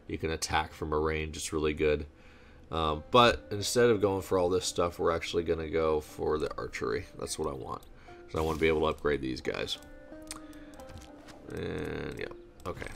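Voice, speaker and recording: A low, gravelly-voiced man talks his way through a strategy game, rambling and thinking aloud with the odd sarcastic aside. He is on a home desk mic without a pop filter, and soft game music plays faintly behind him. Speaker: gameplay commentator. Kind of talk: casual let's-play commentary.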